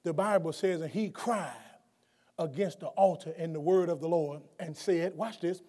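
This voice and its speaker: A middle-aged man preaching a sermon at a lectern, moving from quiet explanation to shouted emphasis and often restarting his words. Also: fairly high pitch, moderate pace. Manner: stumbles and restarts often when speaking off the cuff. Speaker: guest preacher. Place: college chapel auditorium, at a lectern on stage. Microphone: lectern microphone, wide camera. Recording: long hall reverb from a large chapel.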